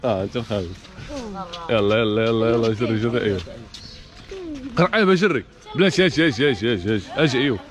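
Fast-talking Moroccan man hosting a game. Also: mid-range voice, over music. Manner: urges players on with rapid repeated calls, laughs often. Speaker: host running a challenge game. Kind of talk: energetic game commentary.

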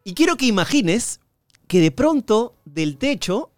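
A man from Peru hosts an interview and steps his guest through a card trick, drawing out his words theatrically. His voice is smooth and clear, a bit high for a man, and sounds dry and close. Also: big pitch swings, measured pace, no echo. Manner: warm, theatrical when leading a card trick. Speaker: interview host and amateur magician. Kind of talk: casual interview conversation.

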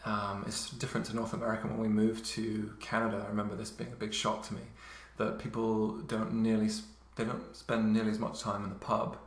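A man in his thirties, raised in England and Luxembourg, telling stories in a relaxed way with many fillers. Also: fairly low pitch, fairly quick, few pauses. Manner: relaxed storytelling, many fillers, occasional laughs. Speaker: interview guest. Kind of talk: casual conversation. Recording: echoey room.

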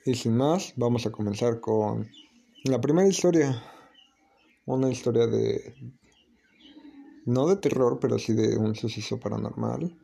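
Gravelly, dark-voiced man telling stories. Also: medium pitch, normal speed. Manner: relaxed, hesitant storytelling with restarts. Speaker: podcast host. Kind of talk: casual storytelling.

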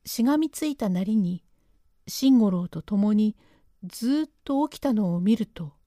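A woman storyteller narrating a traditional tale in a measured, dramatic manner. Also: medium pitch, expressive, warm tone, no echo, clean studio sound.

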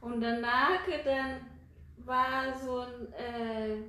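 Slow-talking woman from Kenya, hesitant. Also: on the high side, flat delivery, bright, forceful tone, roomy sound, low-quality recording. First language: not German. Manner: hesitant, many fillers and tag questions. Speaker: interviewee. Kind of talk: conversational interview.

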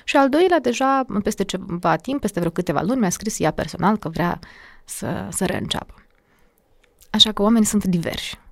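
A woman's voice: mid-range voice, creaky, no echo. A woman from Moldova, a diction coach talking as a podcast guest and acting out her examples. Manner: animated, acts out examples. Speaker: diction and public speaking coach.

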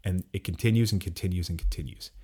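Speaking quickly in a low, mellow, husky voice, a podcast co-host chats casually. He's reflective and tends to ramble a little, often restarting what he's saying.

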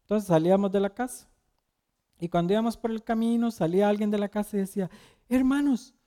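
A young man gives a casual, conversational sermon in a slightly high, mellow voice. He keeps turning to the listeners with questions and slips into personal stories between the verses. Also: fairly even intonation, fast talker. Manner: asks the audience questions and tells personal stories. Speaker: preacher.

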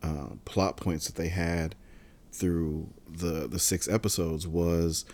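Super deep-voiced host guy, chatty and enthusiastic, leads the convo. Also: slow. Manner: enthusiastic, animated asides. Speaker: podcast host. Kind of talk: casual conversation.

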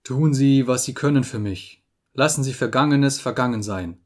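A man reading an audiobook, voicing a gravely ill detective who speaks weakly but gives urgent orders. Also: mid-range voice, normal speed, close to an everyday voice. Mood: faint. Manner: urgent, insistent, giving orders. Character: sick feverish detective, weak but commanding.

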